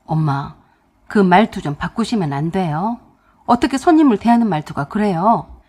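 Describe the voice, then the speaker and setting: A woman voicing a fed-up younger son who talks back firmly to his mother, in a lowered voice. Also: animated, normal speed, darkish tone, lightly acted. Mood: exasperated. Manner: firm, exasperated pleading.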